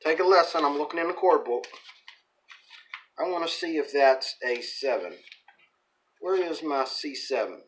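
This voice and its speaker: A man with a voice on the high side and lively intonation speaks at normal speed but pauses often, over a little hiss or hum. As a ukulele teacher and channel host, he gives an informal lesson with playing and ukulele strumming, thinking aloud in a rambling, folksy way and correcting himself.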